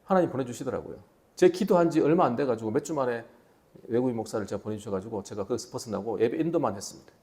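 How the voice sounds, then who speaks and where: Middle-aged male pastor, sermon delivery, lively rising-and-falling pitch, gravelly edge. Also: racing. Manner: animated storytelling, rhetorical questions. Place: church sanctuary.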